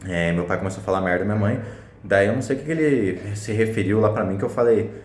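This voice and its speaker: Young man, blunt slangy storyteller, quick delivery, roomy echo. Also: fairly low pitch, a little hiss or hum. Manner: blunt, slangy, swears a lot. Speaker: vlogger telling a personal story. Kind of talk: casual storytelling to camera.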